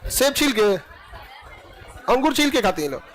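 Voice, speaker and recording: A man's voice: very high voice, very animated, normal speed, some chatter behind. A man teaching a classroom biology lecture, joking and teasing his students and laughing often.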